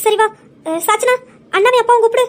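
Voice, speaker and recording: Brief: a gentle mother-in-law, voiced by a woman, high and soft. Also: fairly quick. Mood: reassuring. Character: kind caring middle-aged mother-in-law.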